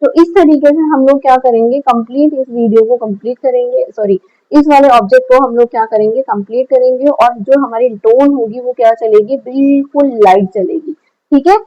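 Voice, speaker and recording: A woman's voice: high voice, fairly even intonation, a little fast, dark tone, dull audio. A woman teaching a shading lesson step by step, patiently asking the class questions and answering them herself. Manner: frequent checks like "clear?". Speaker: drawing teacher.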